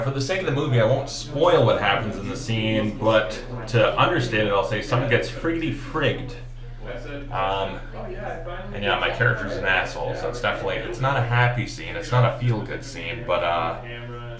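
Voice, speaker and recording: Low-voiced man vlogging in an echoey room. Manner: joking, profane, rambling. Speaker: vlogger and actor on a film set. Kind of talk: casual vlog chat to camera. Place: indoors, closet and hotel rooms on set. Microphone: action camera held by himself. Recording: echoey small rooms, busy crowd noise.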